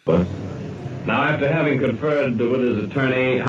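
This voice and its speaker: A man's voice: medium pitch, moderate pace, roomy sound. A man's voice in a garbled audio captcha, speaking words that are hard to make out. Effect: garbled audio captcha clip of spoken words. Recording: muffled distant captcha audio with noise.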